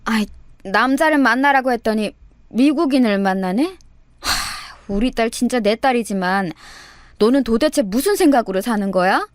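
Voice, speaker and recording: A woman voicing an exasperated, nagging middle-aged mother who scolds in fretful, high outbursts. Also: lively intonation, normal speed, no echo, natural voice.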